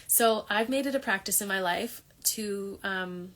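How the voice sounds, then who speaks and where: A woman's voice: mid-range voice, unhurried, a bit bright. A woman hosting a holistic wellness talk, speaking casually and rambling with many restarts as she chats to her viewers. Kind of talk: casual monologue on yoga.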